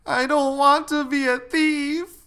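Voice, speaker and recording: Guy doing a tiny tearful little girl voice, way up high, whiny and pleading. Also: slow, fairly bright tone, clear, resonant tone, heavily acted. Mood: sobbing. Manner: small, weepy and pleading.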